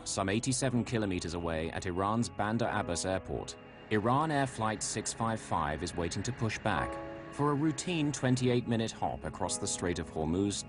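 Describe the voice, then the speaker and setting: A man reading dramatic scripted documentary narration as a voice-over. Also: lowish voice. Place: voice-over recording. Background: music.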